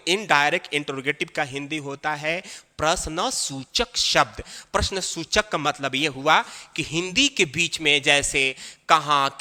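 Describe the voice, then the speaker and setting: Male teacher, animated and bright, walking through grammar step by step. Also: on the high side. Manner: explains step by step, repeating key phrases slowly. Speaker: English teacher. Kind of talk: classroom grammar lesson. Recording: long hall reverb.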